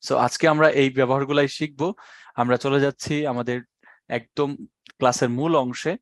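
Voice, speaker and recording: A man's voice: mid-range voice, fairly even intonation, no room sound, clean studio sound. A young man with a Bangladeshi Bengali accent giving an exam-prep lecture, patient and repetitive as he spells out rules for his students. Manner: patient, explains slowly and repeats key points; addresses students as "ভাইয়া". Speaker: teacher.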